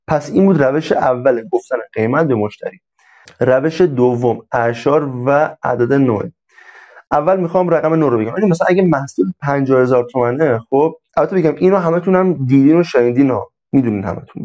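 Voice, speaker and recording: A man's voice: mid-range voice, a little mellow. Male instructor, casual chatty lesson delivery, repetitive examples, slightly lo-fi. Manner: conversational, repeats examples, many fillers. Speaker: online sales instructor. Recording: slightly dull lo-fi audio.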